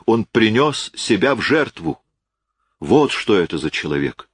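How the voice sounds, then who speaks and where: A man's voice: sits low, lively intonation, unhurried. A man reading an audiobook, voicing an impassioned, insistent young man who speaks in emphatic exclamations. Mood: passionate.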